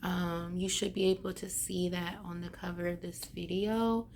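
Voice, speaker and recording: A woman with a hoarse voice chats casually to camera, giving a personal update and often trailing off as she searches for words. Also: on the low side, level tone, normal speed, a little mellow, slight background noise. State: hoarse after neck surgery. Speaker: vlogger giving a health update.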